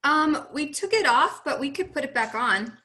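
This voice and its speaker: A woman, a parent, asking an audition coach hesitant, halting questions over a video call. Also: high-pitched, expressive, sharp tone.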